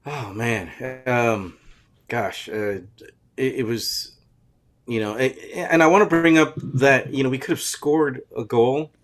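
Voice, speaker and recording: A man's voice: medium pitch, slow pace. A man co-hosting a casual soccer fan podcast, greeting viewers by name in an easygoing way. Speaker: co-host.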